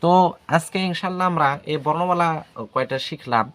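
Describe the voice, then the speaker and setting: A man teaching the alphabet in a casual video lesson, patient and hesitant, saying letters aloud slowly one by one. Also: on the high side, a bit bright. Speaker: language teacher.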